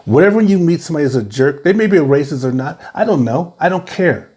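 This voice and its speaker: Animated man asking rhetorical questions. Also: a little high, fast talker. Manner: asks many rhetorical questions; repeats key points for emphasis. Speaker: video host giving advice. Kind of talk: direct-to-camera talk.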